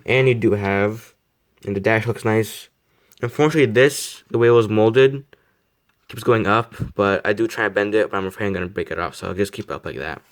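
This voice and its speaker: A young man casually reviews a die-cast model car, rambling, repeating himself, and poking fun at himself. His voice is fairly low-pitched and brisk.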